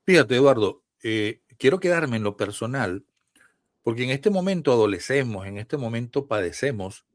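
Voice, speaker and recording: A Venezuelan man hosting a remote interview, asking reflective, measured questions with some hesitations. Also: mid-range voice, dry recording, studio quality. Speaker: interviewer, host.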